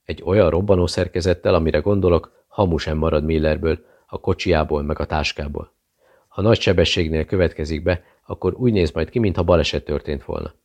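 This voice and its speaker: A man's voice: rumbling low, a little mellow. A man doing a businesslike hired killer. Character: matter-of-fact male hired killer.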